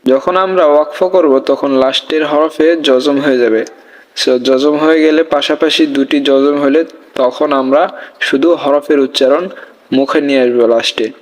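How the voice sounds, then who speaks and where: A young man, teaching Quran reading. He spells out each letter slowly, then recites with long, stretched vowels, and explains the rules in a casual, chatty way. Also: on the high side, fairly even intonation, poor audio.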